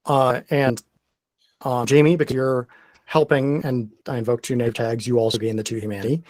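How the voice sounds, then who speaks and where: A man acting as game master, explaining the rules step by step in a halting way. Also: mid-range voice, flat delivery, a little mellow, dry recording. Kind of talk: narrating a tabletop game.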